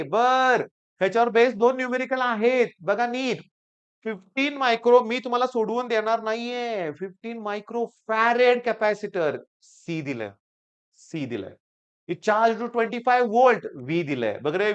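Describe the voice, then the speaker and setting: A man with a Marathi accent teaching physics for an exam, hoarse from a sore throat, coaxing his students and repeating the key points. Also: high voice, a bit bright. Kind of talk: exam-prep lecture.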